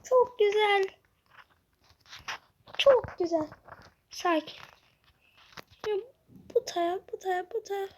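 High-voiced child narrating a game. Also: slow, long pauses, slight background noise. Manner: excitable, talks to self while playing. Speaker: gamer. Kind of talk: gameplay commentary.

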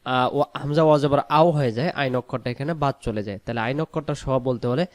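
A man teaching Quran pronunciation, quickly spelling out letters and vowels, then reciting the words slowly and drawn out. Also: mid-range voice, darkish tone, no room sound, clean studio sound. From Bangladesh. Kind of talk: pronunciation lesson.

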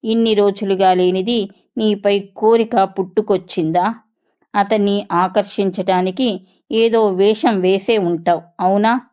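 A harsh, domineering old mother-in-law who lashes out in sharp scolding tones, as a woman reading the story puts her on. She sounds cold and proud in this storybook reading. Her voice sits at an ordinary middle pitch. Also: fairly even intonation, measured pace, close to an everyday voice.

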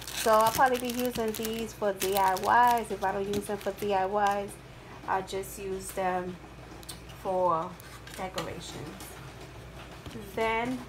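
Slow, chatty woman with rain behind. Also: mid-range voice. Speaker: haul vlogger. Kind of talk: casual haul narration. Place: indoors at home, rain outside. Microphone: camera mic, off-screen, hands in frame. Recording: rain noise in background.

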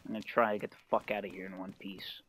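A man's voice: on the low side, little pitch movement, fast talker, fairly bright tone, a little hiss or hum. A man playing a survival game, chatting in voice chat in a joking, jumpy way and swearing casually. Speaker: gamer streamer.

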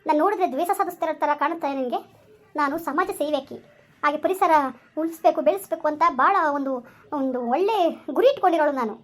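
Brief: fast-talking, very high-voiced scheming mother-in-law, preachy and bossy, played by a woman. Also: lightly acted. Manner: falsely sweet, lecturing, bossy. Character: scheming mother-in-law posing as social worker.

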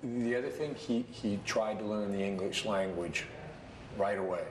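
A man speaking in a casual interview, halting and repeating words as he talks. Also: lowish voice, roomy sound, big-room sound, crowd noise, rough recording. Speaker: former teammate interviewee.

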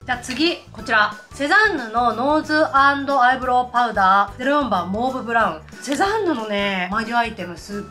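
A fairly high-pitched woman in her thirties, with a Nagoya accent, chats away to viewers as she does her makeup. She talks quickly, with a lively, bouncing melody, and pokes fun at herself. Soft music plays faintly behind her. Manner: chatty, self-deprecating, talks to viewers while working. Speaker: beauty vlogger. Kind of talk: casual chat while doing makeup. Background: faint background music.

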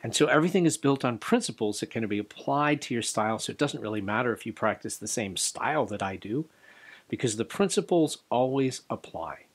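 A man's voice: medium pitch, lively intonation, fairly quick, breathy edge. An older man in his sixties, a martial arts instructor, speaking earnestly to camera in a dojo, with small restarts. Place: dojo studio indoors. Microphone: studio condenser mic beside him.

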